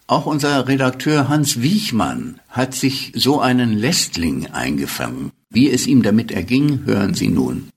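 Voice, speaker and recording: A man's voice: mid-range voice, sing-song, measured pace, vocal fry, few pauses, slightly rough. A male radio presenter introducing the next segment. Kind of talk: radio announcement.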